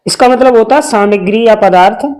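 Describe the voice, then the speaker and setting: A man's voice: high voice, a little fast, darkish tone. A man teaching an English reading lesson, reading one word at a time and asking how each word is pronounced. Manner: reads each word separately and asks the learner how to pronounce it.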